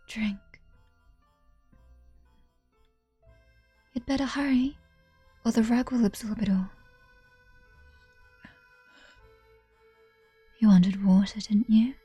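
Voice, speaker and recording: A woman's voice: medium pitch, mellow, slightly rough, no room sound. A woman voicing a cruel, mocking young woman who taunts and laughs, reading a visual novel aloud. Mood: taunting.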